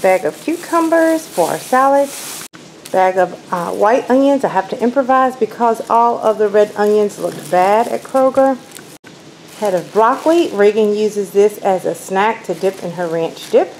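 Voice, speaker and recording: A woman's voice: mid-range voice, animated, unhurried, darkish tone, a little hiss or hum, rough recording. A woman with a mid-range voice runs through her haul item by item, chatty and enthusiastic. She speaks from her home kitchen to a camera mic off screen. A faint patter of rain sits behind her. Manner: chatty, enthusiastic product rundown. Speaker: vlogger. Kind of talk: grocery haul vlog. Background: rain outside.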